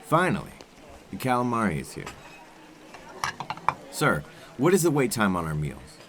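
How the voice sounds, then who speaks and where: A suave, menacing male criminal played by a man in an ASMR role-play. His voice sits low and moves in animated swings. He is smooth and condescending, impatient and used to giving orders. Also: moderate pace, background noise. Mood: curt, demanding. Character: suave, menacing male criminal coaxing a captive dinner date.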